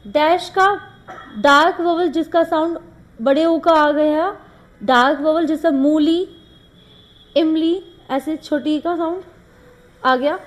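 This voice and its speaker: A woman's voice: high-pitched, takes it slowly, long pauses. A woman teaching shorthand, explaining rules step by step and mixing English terms into Hindi. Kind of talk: classroom lesson.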